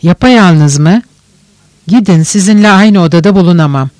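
A man's voice: sits high, normal speed, darkish tone, dry recording, natural voice. A male audiobook reader voicing a bitter, hostile young male radical who speaks curtly and with scorn. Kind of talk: audiobook character reading.

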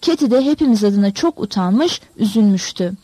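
Mellow-voiced woman narrating a novel. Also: mid-range voice, dry recording. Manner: measured, expressive storytelling. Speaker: audiobook narrator.

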